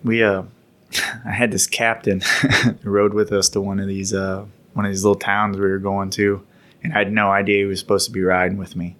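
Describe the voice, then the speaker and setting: A man's voice: on the low side, flat delivery, normal speed, a bit bright. Laid-back man telling war stories. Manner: laid-back, rambling, laughs while telling. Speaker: podcast co-host recounting military service. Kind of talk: casual storytelling.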